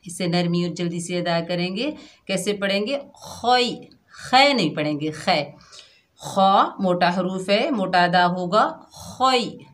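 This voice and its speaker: A woman gives a slow children's recitation lesson, taking each rule one step at a time. She speaks at an unhurried, measured pace and stretches the practice syllables out long. Her pitch sits in an ordinary middle range. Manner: patient, explains each rule step by step, then draws out drawn-out practice syllables. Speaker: Quran tajweed teacher.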